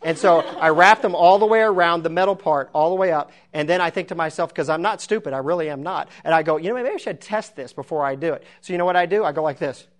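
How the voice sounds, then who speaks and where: A man preaching through a long comic story, self-mocking and animated. His voice sits a little high for a man, and he often laughs at his own tale before turning to the lesson. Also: fast, hardly any pauses. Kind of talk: storytelling sermon.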